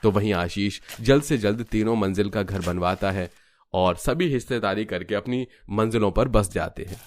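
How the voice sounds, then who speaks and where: A man giving calm scripted narration for an animated family story. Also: fairly low pitch, moderate pace.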